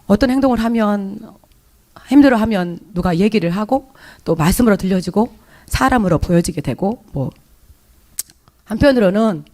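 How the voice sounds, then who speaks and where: A woman's voice: medium pitch, lively intonation, moderate pace, long pauses, darkish tone. A woman with a Jeolla Korean accent tells her own story of faith before a congregation. She speaks in an emotional, confessional way. Her words are broken by hesitant fillers and restarts. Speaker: church member giving testimony. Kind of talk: spoken personal testimony in church.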